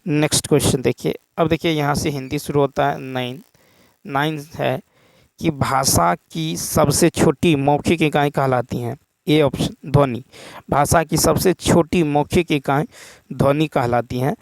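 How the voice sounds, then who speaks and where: A man teaching exam questions in a steady explaining manner, often stopping to check with a quick "okay". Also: on the high side, creaky, no room sound.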